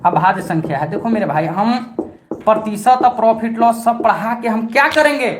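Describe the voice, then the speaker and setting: A middle-aged man runs a live online maths class for exam students and speaks Hindi with a Bhojpuri tinge. His voice sits high for a man. He chats, repeats every point several times, and scolds his students by turns. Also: moderate pace, noisy background. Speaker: maths teacher.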